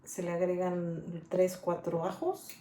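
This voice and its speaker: A woman's voice: lowish voice, level tone, a little slow, mellow, roomy sound, a little hiss or hum. A woman from Guadalajara with a Mexican Spanish accent, demonstrating a recipe at home and chatting casually with her viewers. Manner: chatty, stubborn, keeps asking "¿ok?". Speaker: cooking video host. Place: home kitchen.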